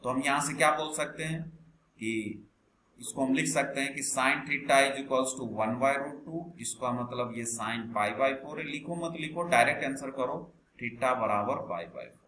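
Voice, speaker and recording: Speaking slowly in a mid-range voice that sounds pushed and bright, a man runs an online maths class. He addresses students patiently as "beta" and puts questions to them while explaining. There's an echo in the room and a little background noise.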